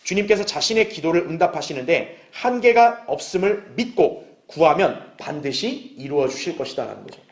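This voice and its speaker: A man's voice: a little high, sing-song, moderate pace, hardly any pauses, roomy sound. A male pastor giving a conversational sermon, asking the congregation questions and acting out short dialogues. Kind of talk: sermon, Bible exposition.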